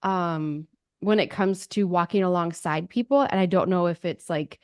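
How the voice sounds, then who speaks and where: A woman from North Dakota co-hosting a podcast, chatty and rambling, thinking aloud with animated asides. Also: on the low side, normal speed, smooth, no room sound, clean studio sound. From North Dakota, USA. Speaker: podcast co-host. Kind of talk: conversational podcast interview.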